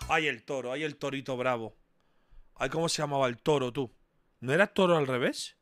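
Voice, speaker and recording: A young man with an accent from Spain commentating a quiz game live on stream. His voice is bright and forceful, and he swears often and bursts into excited shouts. Faint music plays behind him. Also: mid-range voice, fairly quick.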